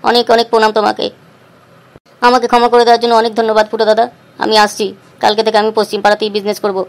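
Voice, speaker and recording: A woman's voice: on the high side, monotone, rapid-fire, lightly acted. A woman voicing a male market cheat in a cartoon, pleading and whining for mercy. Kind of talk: cartoon voice acting.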